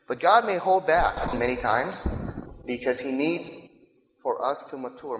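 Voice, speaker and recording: A man's voice: mid-range voice, a bit bright. A man preaching a sermon in a loose, conversational way, often checking in with the listeners, in a large hall. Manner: conversational, keeps checking in with "right?" and "okay?". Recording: echoey hall reverb.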